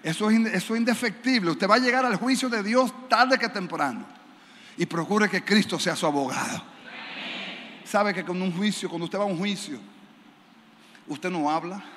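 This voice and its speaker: A man's voice: sits high, a bit bright. A man preaching a sermon as pastor, telling a story and acting out the dialogue with animation. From Dominican Republic. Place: large church sanctuary. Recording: reverberant church hall, faint noise.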